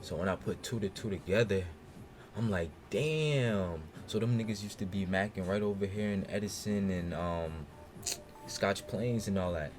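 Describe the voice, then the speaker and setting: A young man, co-hosting a casual podcast and telling stories in a relaxed, slang-heavy way. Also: sits low, moderate pace, soft background music. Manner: laid-back slang-heavy storytelling. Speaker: podcast co-host. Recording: noisy room ambience.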